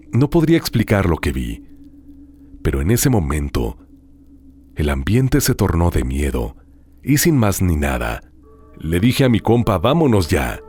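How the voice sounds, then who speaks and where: A man with a deep, husky voice hosts a show reading listener horror stories. His storytelling is dramatic and hushed, with drawn-out pauses.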